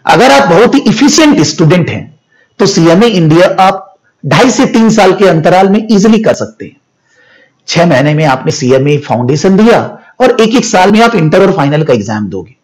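A man explaining to students, moving between Hindi and English phrases in a steady teaching tone. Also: high-pitched, normal speed. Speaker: education academy founder and teacher.

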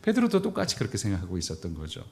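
A man's voice: low-pitched, wildly swooping pitch, rapid-fire, vocal fry. A man preaching a sermon as pastor, in a conversational way that acts out quoted dialogue.

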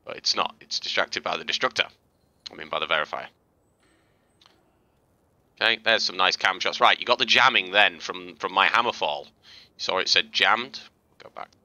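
A man with a low voice and a hard, forceful edge to it talks through gameplay clips in a relaxed, chatty way. He explains as he goes, with plenty of fillers and restarts. The sound is dry and close, with no room around him. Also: moderate pace, no echo. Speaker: gaming video host. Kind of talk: casual gameplay commentary and tutorial.

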